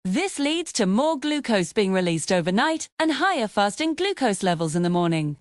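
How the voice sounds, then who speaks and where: Female vlogger-type host for scripted health explainer, animated intonation, very dry recording, direct address. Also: medium pitch, normal speed, no room sound.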